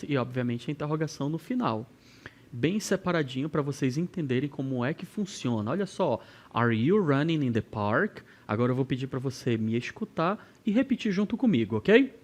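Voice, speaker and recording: A man with a Brazilian Portuguese accent teaching an English lesson, reading example questions slowly and carefully. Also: fairly high pitch, darkish tone. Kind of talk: recorded classroom lesson.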